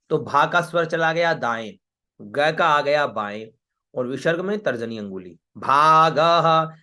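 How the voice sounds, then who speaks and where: Bright-voiced man teaching slow chanting. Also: a little high. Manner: chants verses slowly, then explains syllable by syllable; patient, repeats with frequent check-ins. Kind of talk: online class, recitation lesson.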